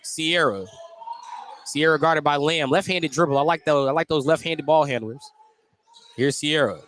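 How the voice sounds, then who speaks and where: A man calls live basketball play-by-play for radio in a slightly high, somewhat bright voice at a moderate pace. He is conversational and tosses in joking asides between calls, and the live gym broadcast carries clear background noise.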